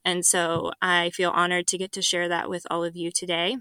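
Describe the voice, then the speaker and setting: Young woman guest, earnest, lots of ums, bright voice, grew up in guatemala and mexico. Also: on the low side, monotone, moderate pace, clean tone, dry recording. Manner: earnest, soft-spoken, with frequent ums and light laughs. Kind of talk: personal testimony in a podcast interview.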